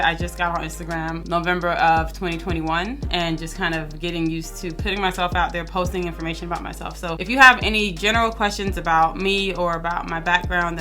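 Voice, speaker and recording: A woman in her thirties talks quickly and candidly to camera, her voice bright and forward, with a fairly low pitch for a woman. She keeps an upbeat, chatty vlog tone. Faint music plays behind her. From southern United States. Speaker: vlogger and business owner. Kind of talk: casual vlog talk to camera. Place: her office.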